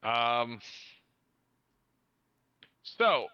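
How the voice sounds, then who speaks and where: A man running a tabletop game as game master, narrating in a relaxed way with frequent hesitations. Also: medium pitch, very slow, clean tone, no echo, lo-fi sound.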